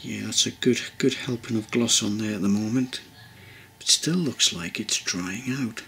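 Gravelly man narrating a hobby build. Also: on the low side, moderate pace, pushed and bright, a little hiss or hum. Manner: rambling, hesitant with many ums and restarts. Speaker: model railway builder. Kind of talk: casual hobby tutorial narration. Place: hobby workbench indoors.

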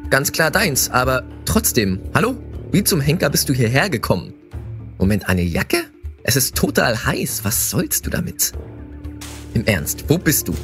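A man narrating a scripted second-person story in a playful, dramatic way, with excited exclamations. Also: mid-range voice. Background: background music.

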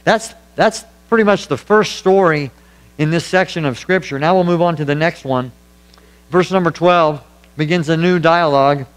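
A man's voice: a little high, normal speed, smooth, poor audio. A man preaching a sermon as pastor, earnest and emphatic, hammering points home through repetition. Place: church.

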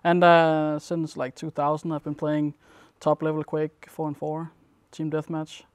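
A young man from Denmark, a competitive gamer, answering interview questions in a relaxed, rambling way with plenty of fillers. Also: on the high side, measured pace, smooth. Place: dim indoor room at a gaming event.

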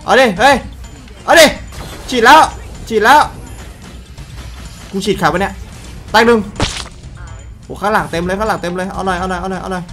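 A man calling his own mobile game match, swearing, teasing, and yelling at his teammates. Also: high voice, fast, long pauses, faint music behind. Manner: loud, crude, joking, shouts at teammates. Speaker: gaming streamer. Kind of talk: excited live game commentary.

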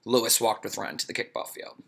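A man reading a children's storybook aloud in a playful, expressive way. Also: fairly low pitch, moderate pace, vocal fry. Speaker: reader.

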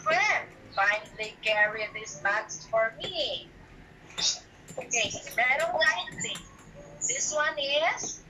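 A woman's voice: high voice, very animated, takes it slowly. A woman teacher with a Filipino accent leading a grade one online class review, patiently asking children questions and praising their answers. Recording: roomy, distant mic with background noise.

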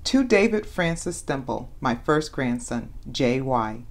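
A woman with an extremely low voice hosts a children's read-aloud, speaking a little slowly as she tells a picture-book story expressively. She's animated, dramatizing questions and exclamations for young listeners.

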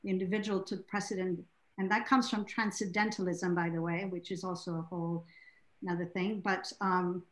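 A woman speaking on a panel over a video call, in a gracious and measured way. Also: fairly low pitch, level tone. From Zimbabwe. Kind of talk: academic panel discussion. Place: room with bookshelves. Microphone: laptop video call. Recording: roomy video-call audio.

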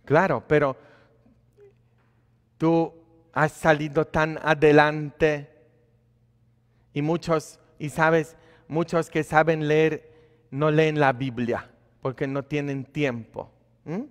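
A man, a priest, preaching a sermon in a conversational way, asking his congregation questions and shifting between quiet asides and loud emphatic lines. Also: on the high side, flat delivery, takes it slowly, pauses often, clean tone. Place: church. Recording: long hall reverb of a church.

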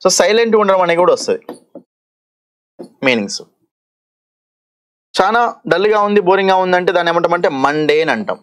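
During an exam-prep lesson, an energetic man with a high voice reads English questions aloud slowly and carefully. His explanations blend Telugu with English terms, punctuated often by "okay?".

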